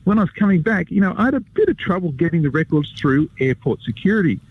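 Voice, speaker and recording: An Australian man tells history stories on a radio show, his voice a little husky and full of rise and fall. The sound is slightly dull, like a studio broadcast. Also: sits high, lively intonation, fast. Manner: chatty, leisurely storytelling with asides to the host. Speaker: history storyteller, regular guest. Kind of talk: live radio storytelling.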